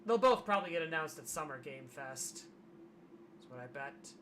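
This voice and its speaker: A hoarse streamer in casual livestream commentary, wry and grumbling, reading aloud from a web page. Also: mid-range voice, animated, normal speed, fairly bright tone, a little hiss or hum. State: losing voice, hoarse.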